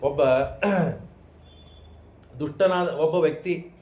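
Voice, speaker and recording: Guy preaching a sermon, bit high voice, chants verses, echoey hall. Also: steady tone, darkish tone. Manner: storytelling, chants Sanskrit verses slowly, rhetorical questions. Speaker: pravachan speaker. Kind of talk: scriptural discourse with recited verses.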